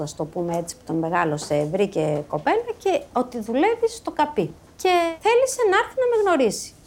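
A woman in her fifties, a former social worker, telling a personal story to an audience in a lively, animated way. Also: medium pitch. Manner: lively, animated, acts out quoted voices.

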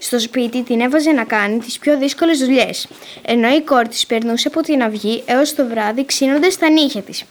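A woman reads a folk tale aloud, placing each phrase carefully. Her voice sits a little high. The delivery is measured and even. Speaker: storyteller.

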